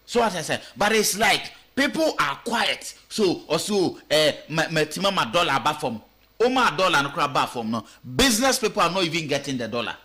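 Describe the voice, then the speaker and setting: A man's voice: on the high side, pushed and bright. A man with a Ghanaian accent giving radio talk show commentary, firing off rhetorical questions and switching between English and Twi. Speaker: political commentator.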